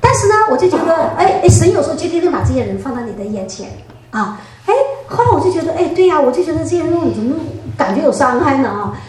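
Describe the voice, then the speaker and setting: Laughing woman giving testimony in an echoey hall. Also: sits high. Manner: lively storytelling, often laughing, frequent drawn-out particles. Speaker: church member giving testimony. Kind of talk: spoken church testimony. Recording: very echoey room, distant mic.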